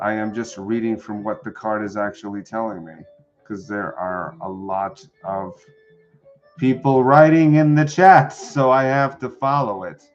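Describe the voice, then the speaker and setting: A man's voice: lowish voice, lo-fi sound. A man doing a live-streamed tarot reading, chatting with viewers and answering the chat. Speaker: tarot reader.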